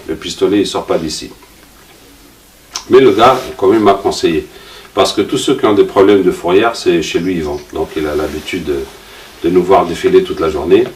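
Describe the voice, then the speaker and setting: A man giving an informal religious talk. He tells a personal story, acts out the dialogue and asks rhetorical questions. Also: low-pitched. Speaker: preacher. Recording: roomy, distant mic, faint noise.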